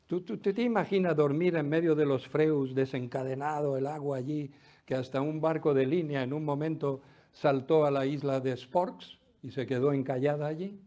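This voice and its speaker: A middle-aged man preaches. His voice sits a bit high and moves a lot. He booms out praise, then sinks to a near-whisper for emphasis. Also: normal speed. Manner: lively preaching with sudden drops to near-whisper. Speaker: pastor. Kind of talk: sermon.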